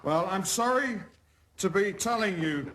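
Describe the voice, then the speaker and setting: A man's voice: sits high, animated, measured pace. An actor playing a stolid, pompous village policeman who stiffly attempts a stage Irish voice in a rehearsal. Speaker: village constable rehearsing a sketch. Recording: TV drama sound with noisy background.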